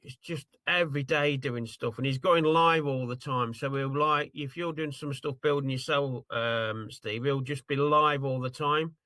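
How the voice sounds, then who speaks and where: A man's voice: medium pitch, fairly even intonation, normal speed, few pauses, sharp tone, no echo. A man demonstrating a tool over a video call, talking in a rambling, apologetic way while he searches his screen. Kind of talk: casual screen-share demo on a video call.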